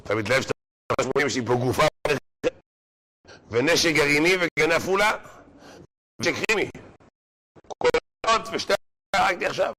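A man's voice: on the high side, long pauses. A man giving a sermon to a crowd, telling joke stories and acting out the characters in them. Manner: animated storyteller, acting out characters. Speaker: religious lecturer.

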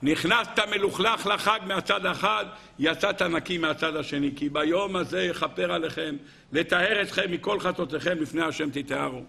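A man delivers a sermon to a gathered audience, his voice gravelly and edged with fry. He keeps asking the listeners rhetorical questions and acts out short everyday dialogues. His tone is bright and sharp. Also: fairly high pitch. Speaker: religious lecturer.

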